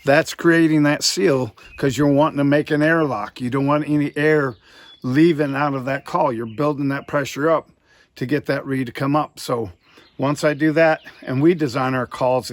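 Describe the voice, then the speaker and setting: A man's voice: medium pitch, fairly even intonation, moderate pace. A man teaching step by step in an informal, folksy, explanatory way, like an instructor demonstrating a technique. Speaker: duck calling instructor.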